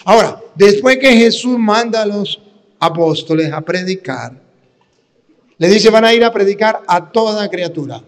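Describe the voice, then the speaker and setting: Preaching priest in a reverberant hall. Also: male voice, high-pitched. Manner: teaching, asks the audience questions. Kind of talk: sermon. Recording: long reverb of a large hall.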